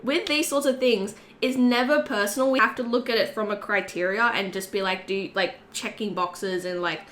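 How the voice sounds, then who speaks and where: A woman co-hosting a community podcast in casual chat, animated and full of "like" fillers. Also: medium pitch, moderate pace. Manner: chatty and animated, frequent "like" fillers. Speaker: podcast co-host and community co-leader.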